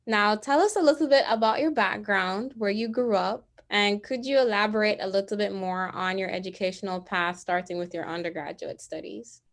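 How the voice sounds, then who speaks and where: A woman's voice: mid-range voice, normal speed, few pauses. A young woman in her twenties who hosts an interview and reads a scripted, enthusiastic introduction. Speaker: interview host. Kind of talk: interview hosting.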